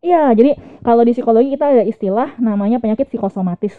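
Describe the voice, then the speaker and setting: A woman's voice: fairly high pitch, racing. A woman psychologist explaining things in a chatty, casual interview. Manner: explanatory, chatty, frequent fillers. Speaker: child psychologist guest. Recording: phone-like narrow audio.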